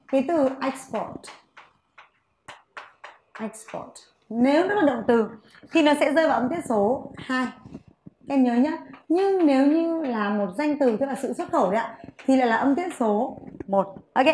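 A woman English teacher giving a vocabulary lesson, saying each word slowly for her students to repeat. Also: high voice, animated, a little mellow, roomy sound, a little hiss or hum.

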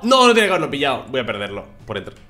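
A young man from Spain with a Spanish accent, commentating a game casually, excitable and swearing freely. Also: mid-range voice, very fast, faint music behind. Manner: excitable, swears freely, talks to his viewers. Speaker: gaming video host.

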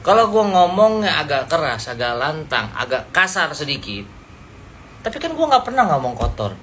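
A man, ranting bluntly and confrontationally on a live stream, loud and slangy. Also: a little high, sing-song, moderate pace, a little hiss or hum. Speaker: livestreamer. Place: indoors, seated.

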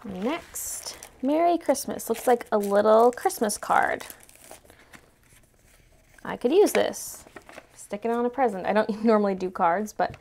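Off camera at an indoor tabletop product shoot, a young adult woman hosts an unboxing, gushing and exclaiming over cute items. Her mid-range, slightly mellow voice is animated and measured, with vocal fry and long pauses. A little hiss or hum is audible.

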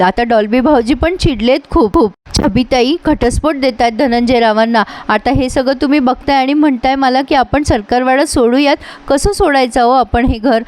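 A woman's voice: high voice, darkish tone, natural voice. A woman voicing an earnest young daughter-in-law who pleads with her family in a recap of a TV serial. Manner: pleading, tearful appeals.

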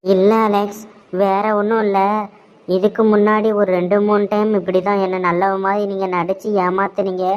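A woman voicing a trusting, anxious pregnant young woman in a cartoon, speaking softly and politely with a Tirunelveli Tamil accent. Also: mid-range voice, level tone, moderate pace, close to an everyday voice. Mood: gentle worry. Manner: soft, worried, polite. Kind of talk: cartoon voice acting. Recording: dull lo-fi sound.

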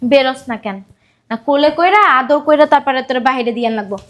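A woman's voice: sits high, expressive, fast, slight background noise. A young woman playing a whiny, demanding, status-hungry wife in a web drama. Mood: angry. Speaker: actor. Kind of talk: low-budget web drama acting.

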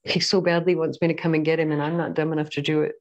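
A woman with a somewhat low voice talks her viewers through a casual tarot reading at home. She rambles in a chatty way and keeps breaking off to apologize. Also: flat delivery, very fast. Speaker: tarot reader. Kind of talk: casual pick-a-card reading. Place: at home with a pet bird.

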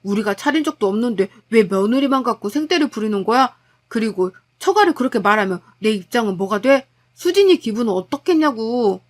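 A woman's voice: fairly high pitch, expressive, brisk. A woman voicing a blunt, irritable young husband who talks in an exasperated, reproachful way.

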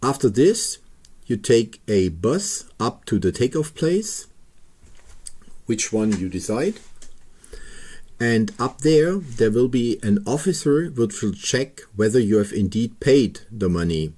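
Man slowly talking through a website. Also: medium pitch, sing-song, warm tone, husky. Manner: slow, careful, step-by-step with pauses and fillers. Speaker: paragliding pilot explaining a registration website. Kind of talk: screen-recorded tutorial narration.

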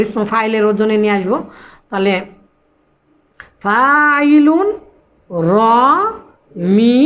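High-voiced woman teaching Arabic grammar. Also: lo-fi sound. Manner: asks questions and answers them herself, affectionate; chants rules in rhythmic recitation. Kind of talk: classroom-style lesson.

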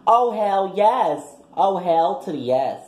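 A man's voice: high voice, big pitch swings, takes it slowly, exaggerated voice. A man voicing a brash, foul-mouthed young woman graduate giving a crude, combative speech in a comic skit. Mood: sassy. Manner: crude, combative, trash-talking. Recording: echoey room.

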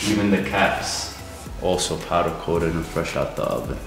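A low-pitched, creaky male voice at moderate pace belongs to a vlogger in his thirties showing off a wheel factory. He leads the hyped, casual tour in relaxed street slang on a large indoor factory floor, with music behind him.

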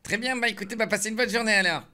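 A man's voice: high voice, rapid-fire, a crowd in the background. A male streamer roleplaying on in-game phone calls, polite and mock-formal with a teasing edge. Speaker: streamer playing a roleplay character.

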